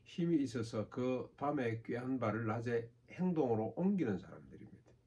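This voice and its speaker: An older man preaching a sermon as pastor, with measured delivery and rhetorical questions. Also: mid-range voice, very animated, dark tone.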